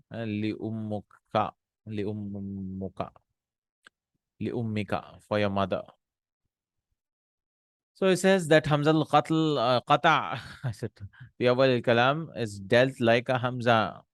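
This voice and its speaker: A man teaches from an Arabic textbook: the Arabic lines come out fast, while his translations and explanations are slow and full of pauses and restarts. He speaks at a medium pitch, and no room sound is audible.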